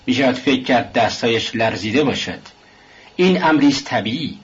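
Earnest, chatty police clerk, read by a man; husky voice, muffled audiobook sound. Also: medium pitch, lively intonation. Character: eager male police office clerk, talkative. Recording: dull lo-fi recording.

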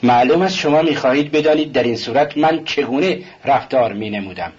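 A man voicing a brooding, tense young male student who taunts and mocks, with a husky voice in a dull lo-fi recording. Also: medium pitch, natural voice. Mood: taunting. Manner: taunting, mocking.

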